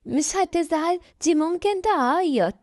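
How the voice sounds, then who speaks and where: A woman's voice: sits high, sing-song, moderate pace, no room sound, clean studio sound, voice pushed up. A woman doing a timid little girl. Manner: fearful, soft. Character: timid gentle six-year-old girl Layan.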